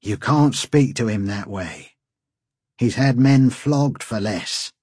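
A man's voice: mid-range voice, slow pace, a little mellow, husky, no room sound, studio quality, voice pushed up. A man voicing a tense local woman who scolds sharply and anxiously.

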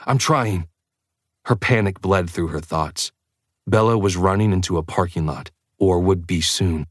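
A man reading a first-person audiobook in a measured, intense storytelling manner. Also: deep voice, no room sound, studio quality. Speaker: audiobook narrator. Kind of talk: scripted first-person narration.

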